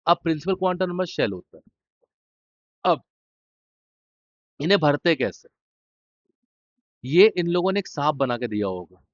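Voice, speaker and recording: A man's voice: a little high, big pitch swings, normal speed, long pauses, no room sound, muffled recording. A man teaching chemistry in an informal exam-revision lesson. He talks straight to students, repeats key terms and drops blunt, joking asides.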